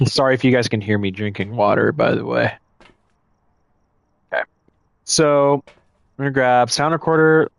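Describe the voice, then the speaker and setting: A man's voice: medium pitch, fairly even intonation, measured pace, vocal fry, long pauses, no room sound. A man streaming a ghost-hunting game live, casually thinking aloud and explaining his moves to the chat. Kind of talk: live gameplay commentary.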